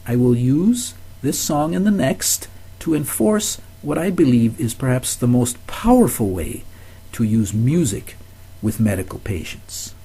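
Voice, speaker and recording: Older man, lecturer, measured instructive delivery, mellow tone, slightly raspy. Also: mid-range voice, very animated. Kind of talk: recorded course lecture.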